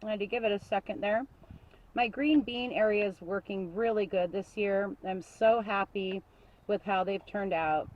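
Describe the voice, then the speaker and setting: A woman's voice: mid-range voice, moderate pace, lo-fi sound. A woman on a casual show-and-tell tour of her vegetable garden, chatty and enthusiastic, often laughing. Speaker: small farmer giving a garden tour.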